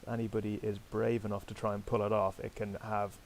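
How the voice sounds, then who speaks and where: A man's voice: fairly low pitch, little pitch movement, fast talker, a little hiss or hum, rough recording. A man hosting and commentating online sailing races, chatty and self-deprecating, talking directly to his viewers. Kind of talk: live commentary over a sailing game.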